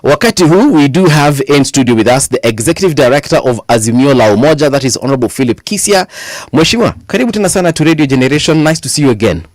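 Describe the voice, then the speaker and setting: A man's voice: mid-range voice, lively intonation, racing, hardly any pauses, no echo. Kenyan man hosting a breakfast radio show. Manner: playful banter, mixes in Swahili phrases. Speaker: radio host. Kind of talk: casual chat. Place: radio studio.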